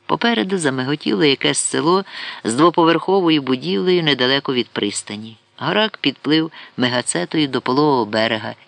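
A man narrating an audiobook with an expressive, storytelling delivery. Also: on the high side, a little fast, gravelly, dry recording. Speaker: audiobook reader.

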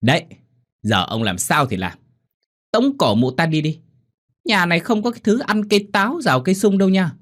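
A man putting on a shrill scheming village wife. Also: big pitch swings, brisk, pauses often, a bit bright, exaggerated voice. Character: scheming wife Hoa, middle-aged woman.

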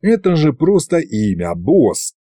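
A man's voice: on the high side, big pitch swings, slow pace, dark tone, dry recording, studio quality, pitched above the performer's own voice, exaggerated voice. A man voicing a cocky male imp who plays at being tsar, talking in swaggering street slang.

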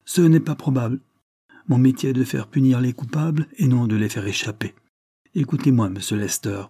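A man reading the part of a shrewd, authoritative police chief in an audiobook, measured and explanatory. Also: medium pitch, warm tone, breathy edge, no room sound, clean studio sound. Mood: firm.

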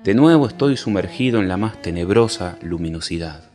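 A man narrates a poetic story in a fairly low voice. His delivery is dreamy and wondering, his pitch moves a lot, and a soft cello plays behind him. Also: animated, a little fast. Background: soft cello music.

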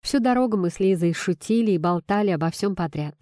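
A woman narrating a first-person novel, measured and expressive. Her voice is mellow and warm at a middle pitch. The recording is dry and close. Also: dry recording. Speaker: audiobook narrator.

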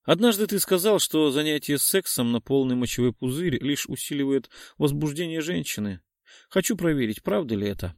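A daring young woman lover, teasing and bossy, with a lifted, bright voice, put on by a male audiobook narrator. She sounds close to the mic in a dead, dry space. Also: fairly high pitch, animated, fairly quick, dry recording, voice pushed up. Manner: teasing, demanding. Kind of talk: audiobook character voicing.

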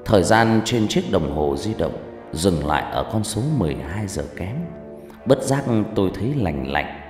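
Man narrating a spooky story, lively. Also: sits low, moderate pace. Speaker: audiobook narrator. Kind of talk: scripted horror story narration. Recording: echoey hall with faint background music.

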